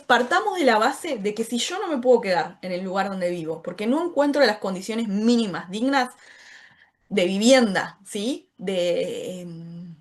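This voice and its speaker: Argentine woman teaching an online class. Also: mid-range voice. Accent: Argentine Spanish. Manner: explanatory, often asks "¿sí?" to check in. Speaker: course teacher.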